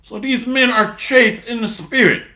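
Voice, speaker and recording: Male preacher, sharp bright tone and slow measured pace; blunt, mocking sermon delivery. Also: very high voice, reverberant. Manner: blunt, coarse, mocking preacher with rhetorical call-outs. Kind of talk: sermon with scripture reading.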